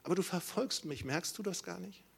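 A man's voice: high-pitched, fairly quick, vocal fry, slightly rough, pitched above the performer's own voice, exaggerated voice. A man voicing Jesus as an earnest figure who presses a man with searching questions. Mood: pleading.

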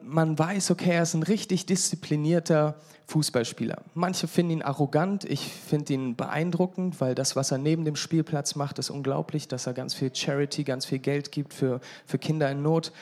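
A man's voice: on the high side, moderate pace, a little mellow. A pastor in his thirties from England giving a conversational sermon, joking with the congregation now and then. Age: 30s.

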